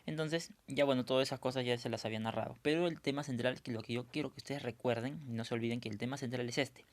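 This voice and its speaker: A man's voice: mid-range voice, fairly even intonation, fast. A male teacher going over a review lesson, explaining step by step and often checking in with his students.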